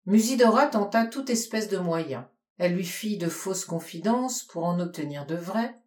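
A woman reading a literary audiobook aloud in a measured, expressive way. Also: lowish voice. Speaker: audiobook reader. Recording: echoey room.

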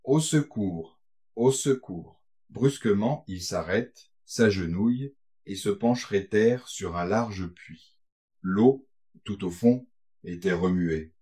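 A man narrating a gothic tale in a measured, somber, dramatic way. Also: on the low side, mellow, slightly rough. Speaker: audiobook narrator.

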